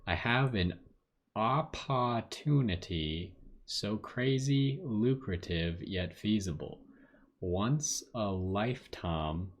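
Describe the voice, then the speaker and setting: A man reading out a letter in a put-on American Southern accent, playing a folksy male treasure hoarder with a slow drawl. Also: on the low side, lively intonation. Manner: slow drawling read-aloud.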